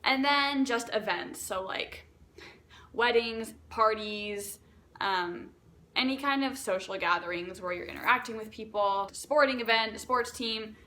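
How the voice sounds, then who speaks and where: Bright, chatty young woman vlogger. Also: a little high, a little slow. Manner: rambling, animated, self-deprecating asides. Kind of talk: casual talk to camera.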